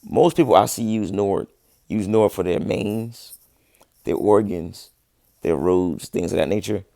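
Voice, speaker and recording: A laid-back man in his thirties, a musician, hosts a casual livestream and answers viewers in relaxed slang at a measured pace. His low, gravelly voice is wearing thin, and he says he's losing it. The sound is close and dry with no room echo, and he restarts often.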